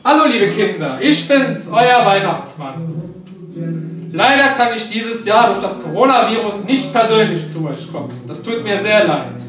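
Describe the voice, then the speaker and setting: A man playing Santa Claus, high and echoey. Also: very animated. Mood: comforting. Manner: slow, solemn, storytelling delivery. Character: kindly old Santa Claus, gentle. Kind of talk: poem recitation and greeting. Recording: very echoey, distant mic, music behind.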